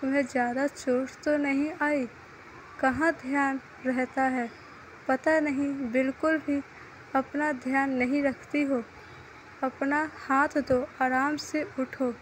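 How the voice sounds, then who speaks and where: A woman's voice: high-pitched, level tone, slow, a little hiss or hum, poor audio. A woman voicing a protective young husband who fusses over his wife, in a read-aloud story. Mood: worried.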